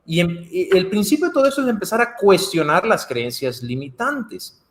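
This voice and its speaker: A man's voice: sits high, sing-song, normal speed, fairly bright tone. A Guatemalan man speaking as a guest on a video call, chatting casually and acting out the voices of the people he quotes. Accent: Guatemalan Spanish. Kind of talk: conversational talk on a video call.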